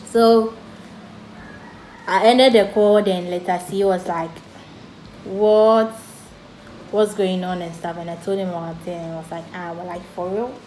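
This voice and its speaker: Slow-talking Ghanaian woman, echoey room. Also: mid-range voice, fairly even intonation, a little mellow. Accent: Ghanaian English. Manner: slow, chatty, jokes and laughs about serious things. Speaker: vlogger. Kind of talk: storytime vlog. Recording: echoey room with faint background noise.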